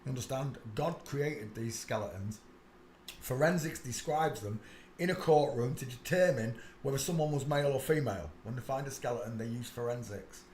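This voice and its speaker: A man hosting his channel goes through pictures in an insistent, casual, rambling monologue packed with asides and "uh"s. His mid-range voice is a little mellow at a moderate pace, recorded in an echoey room with faint ambience and slight background noise.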